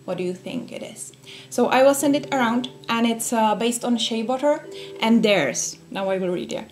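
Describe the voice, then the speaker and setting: A young Czech woman with a Czech accent gives a friendly, casual workshop talk to a small group of listeners in a room, full of fillers and restarts. Her voice sits a little high, with lively intonation and a normal pace. Faint music plays in the background.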